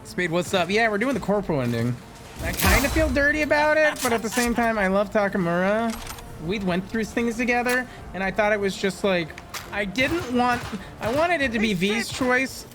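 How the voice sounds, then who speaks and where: A man streams a video game with casual, playful commentary. His voice runs high and moves around in a lively way, with clear game noise and gunfire behind it. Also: moderate pace. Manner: playful, chatting to viewers. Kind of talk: casual live gameplay commentary.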